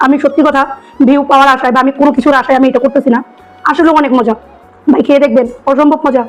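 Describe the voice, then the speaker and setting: A hoarse woman with a cold, chatting enthusiastically as she tastes food for her vlog. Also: high voice, steady tone, very fast, soft background music, poor audio. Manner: chatty, enthusiastic, repeats herself. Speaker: food vlogger. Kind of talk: casual food-tasting vlog.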